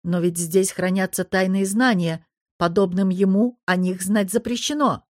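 A woman's voice: mid-range voice, fairly even intonation, normal speed, a little mellow, no echo, natural voice. A nervous old male artificer, fussing and pleading with his betters, as a woman reader puts him on. He frets over every answer with a worried, eager-to-please manner. The reading sounds dry and close. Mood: flustered. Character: fussy anxious old male shopkeeper artificer. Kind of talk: audiobook character voice.

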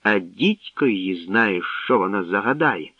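A man's voice: on the low side, lively intonation, measured pace, no echo, muffled recording. A man voicing a dim, grinning young warrior who grumbles simply. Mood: grumbling.

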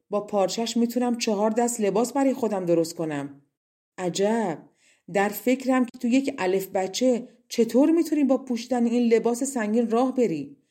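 A woman's voice: fairly high pitch, natural voice. A woman voicing a greedy, scornful old crone who walks with a cane and mocks as she talks. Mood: gleeful. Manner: mocking, grasping, sharp-tongued.

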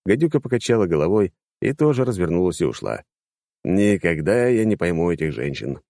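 Male audiobook narrator, low voice, wry and animated, dry close recording. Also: a little fast, gravelly, dry recording. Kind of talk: first-person audiobook narration.

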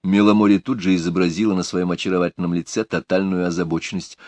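A man reading a first-person audiobook narration in an expressive, lively storytelling manner. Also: sits low, fast talker, dry recording. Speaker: audiobook reader. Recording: dry close studio sound.

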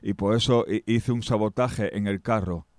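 A man's voice: fairly low pitch, moderate pace, no room sound, natural voice. A man playing a scheming royal adviser in a homemade audio tale. He explains his plot plainly, close to his own speaking voice. The recording is dry. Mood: confessing. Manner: confessing, matter-of-fact.

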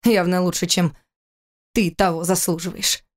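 A woman's voice: fairly low pitch, steady tone, normal speed, lightly acted. Harsh cold husband, clipped and sneering, woman reading him in an audiobook. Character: cold, furious husband, adult man.

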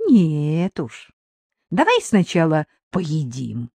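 A woman's voice: low voice, wildly swooping pitch, takes it slowly, creaky, warm tone, slightly rough, no echo, full character voice. A woman voicing a middle-aged male writer who grumbles and teases his sister. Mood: teasing. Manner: grumbling, teasing.

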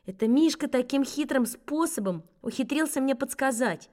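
High-voiced woman reading a children's story. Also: normal speed. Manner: lively, expressive first-person telling. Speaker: story reader.

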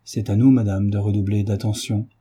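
Guy reading as a polite serious gentleman, dark husky voice, slow and careful. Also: on the low side, little pitch movement. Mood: grave. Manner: measured, courteous, grave. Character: earnest, tactful gentleman tutor.

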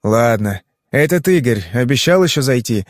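Audiobook role: male reader as a calm investigator, curt, steady questioning. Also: mid-range voice, no room sound, studio quality, close to an everyday voice. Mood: brusque. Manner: measured, terse questioning.

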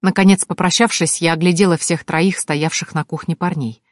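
A woman's voice: on the low side, fairly even intonation, normal speed, dry recording, studio quality. A woman narrating a first-person fantasy audiobook in a wry, ironic tone.

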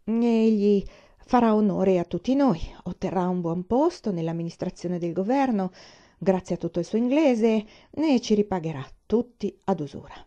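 A woman's voice: medium pitch, normal speed, muffled recording, natural voice. A woman voicing a proud old village elder. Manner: calm, approving.

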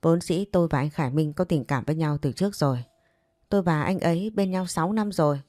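A woman's voice: low voice, brisk, mellow, dry recording, natural voice. A woman voicing a spiteful, scheming young woman who taunts and whines, in a narrated audio story. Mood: taunting. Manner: taunting, whiny.

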